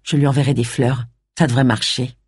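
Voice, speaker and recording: A woman's voice: rumbling low, level tone, brisk, a little mellow, husky, dry recording, clean studio sound, voice pushed down. A woman voicing a stubborn, lovesick man in an audiobook. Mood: earnest. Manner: stubborn, earnest.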